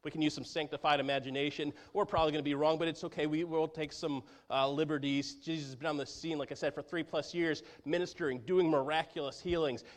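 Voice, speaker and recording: A man preaching an earnest sermon, often dropping to a hushed voice for emphasis. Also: a little high, fairly even intonation, fast talker, hardly any pauses. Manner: earnest, drops to a hush for emphasis. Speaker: pastor.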